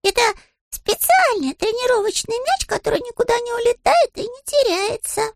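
A woman's voice: very high voice, animated, moderate pace, dry recording, clean studio sound, voice pushed up. A woman voicing a small, earnest young bear cub in a storybook reading, sounding eager and innocent.

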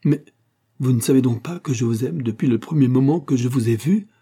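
A man voicing a gallant, smitten young nobleman in a storybook reading, speaking softly and earnestly. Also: medium pitch, a little fast, husky.

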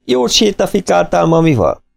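A man voicing a hearty, generous middle-aged host in an audiobook, booming and doting. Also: sing-song, vocal fry, soft background music, full character voice. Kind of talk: audiobook character voice.

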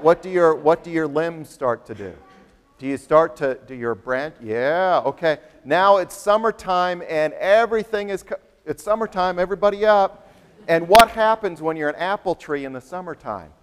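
A man giving a children's sermon as pastor, patiently and gently coaxing with simple questions in a sweet Sunday school manner. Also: fairly high pitch, clean tone. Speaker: pastor leading a children's message. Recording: reverberant hall.

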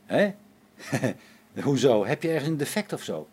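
In a science fiction radio play, a man voices a skeptical, wary engineer aboard a space station, sounding puzzled. His husky, mid-range voice moves at a moderate pace, and his delivery is informal and expressive.

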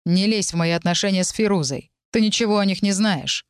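A woman voicing a young male necromancer who speaks low, restrained and cutting. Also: brisk, clear, resonant tone, no echo, close to an everyday voice. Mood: restrained, cold. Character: tense young male necromancer, cool and defiant.

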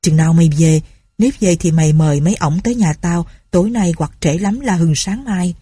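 A woman voicing a stern, suspicious older male village chief who talks in gruff threats. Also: lowish voice, a little fast, mellow, no room sound, clean studio sound.

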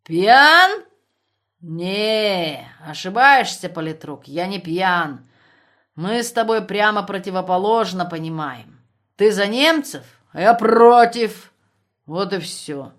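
A woman voicing a drunk, boastful male army officer who talks loudly and blusters. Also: medium pitch, animated, slow pace. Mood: drunk, aggressive. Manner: loud, blustering, slurred bragging.

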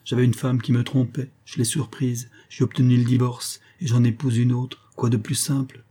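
A man's voice: mid-range voice, flat delivery, moderate pace, dark tone, slightly rough, natural voice. A man reading an audiobook, voicing a cynical young social climber who speaks coolly and dismissively. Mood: cold. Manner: cool, dismissive. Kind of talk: audiobook character voice.

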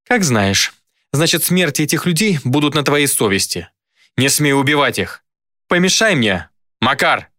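A man's voice: fairly high pitch, big pitch swings, sharp tone, no room sound, studio quality, voice pushed up. A man voicing a cruel, mocking female demon who taunts coldly. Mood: taunting. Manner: sneering, cold, unhurried taunts.

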